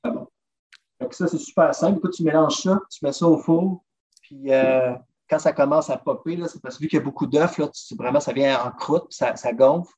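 Slightly high-voiced and a little fast, with a breathy edge, a Québécois man chats as a podcast guest. He's a drummer and food traveler who eagerly goes through recipes, lively and talkative, saying "listen" again and again. It's a casual interview on a dull lo-fi recording.

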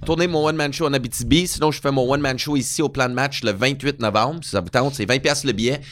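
A Québécois man hosts a relaxed comedy podcast. He jokes around in slangy talk and breaks into laughter easily. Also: mid-range voice, fast talker. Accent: Québécois French. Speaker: podcast host. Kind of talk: casual chat.

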